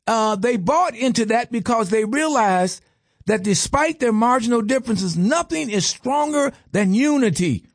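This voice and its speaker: A man's voice: extremely high pitch, animated, unhurried, dry recording, clean studio sound. A man giving an impassioned lecture, stressing lists and asking rhetorical questions.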